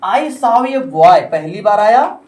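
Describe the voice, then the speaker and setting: A man's voice: high-pitched, big pitch swings, extremely slow, a little mellow, slight background noise. A man tutoring a classroom in English grammar. He keeps asking questions and leaves sentences unfinished for the students to complete. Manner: prompts the class to finish his sentences. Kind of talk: classroom lesson. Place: coaching classroom. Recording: roomy classroom from a distance. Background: students chattering and answering.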